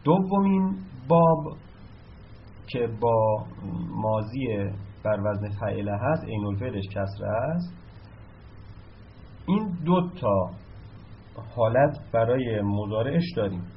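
A man teaches a recorded lesson on Arabic verb patterns, explaining patiently and posing questions to himself before answering them. His medium-pitched voice is expressive and he pauses often, and the slightly dull recording carries faint room ambience and slight background noise.

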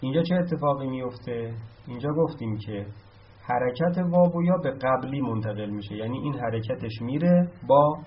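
A man teaching a grammar lesson, explaining step by step and chanting verb forms in a row. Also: mid-range voice. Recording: dull lo-fi sound.

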